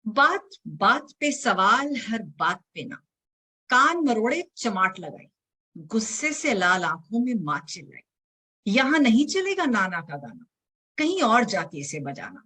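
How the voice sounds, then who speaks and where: A woman performing her own spoken word poem over a video call, taking her time with every phrase. Her voice is bright and forceful, and she swings from hushed lines to loud, ringing ones. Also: fairly high pitch, sing-song, unhurried, husky, poor audio. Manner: dramatic, with big swings between soft and loud lines. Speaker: poet. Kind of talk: spoken word poetry recital. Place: home, online event.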